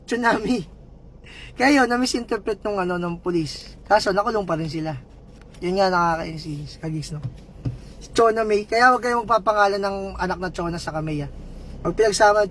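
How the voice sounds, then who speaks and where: High-voiced man telling jokes. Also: a little hiss or hum. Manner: chatty, joking, reads out viewer shoutouts. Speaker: livestream vlogger. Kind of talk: casual livestream storytelling.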